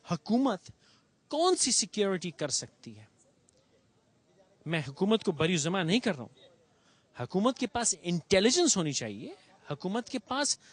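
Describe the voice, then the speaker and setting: Man, TV host, on-location monologue, earnest, grieving, fairly high voice, dry sound. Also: dry recording. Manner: earnest, grieved, mixes English phrases into speech. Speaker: TV show host. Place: outdoors near a bomb site.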